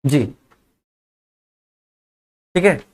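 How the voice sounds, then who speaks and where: A male teacher giving a live online class, speaking slowly and deliberately, repeating key points and calling his students "beta". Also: darkish tone. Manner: slow, deliberate delivery.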